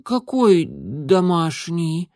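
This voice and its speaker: A man putting on a high-voiced kitten, proud, quick to anger, audiobook character, dry close recording. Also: huge pitch swings, no echo, exaggerated voice. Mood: puzzled. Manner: high squeaky childlike shouting. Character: hot-tempered young tomcat kitten, proud.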